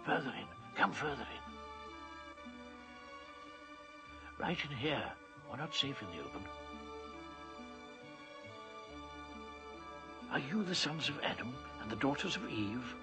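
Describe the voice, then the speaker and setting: An actor voicing a kindly, wary talking beaver in a children's fantasy audio drama, conspiratorial and often dropping into whispers. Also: male voice, medium pitch, lively intonation, fairly quick, lightly acted. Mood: urgent, secretive. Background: music.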